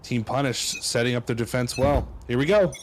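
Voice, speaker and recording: A man casting an esports match as co-commentator, excitable, with quick hype calls over the action. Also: mid-range voice, noisy background. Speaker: esports co-caster. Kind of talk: play-by-play commentary.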